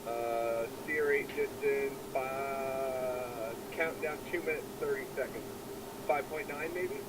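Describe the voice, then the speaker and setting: A man's voice: medium pitch, fairly even intonation, takes it slowly, very noisy. A man making hesitant wingman radio calls in a flight simulator, heard through an oxygen mask radio. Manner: hesitant, with many fillers. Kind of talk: radio calls during multiplayer flight sim.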